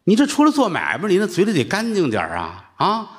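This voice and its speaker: A man's voice: high voice, wildly swooping pitch, fast, a bit bright, voice pushed up, full character voice. A man voicing two indignant Buddhist nuns who scold a peddler in a comedy routine.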